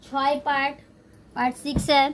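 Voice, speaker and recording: A woman's voice: sits high, level tone, a little slow, a little hiss or hum. A woman teaching a language class, patiently spelling out words syllable by syllable and repeating each one. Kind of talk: slow spelling-out lesson.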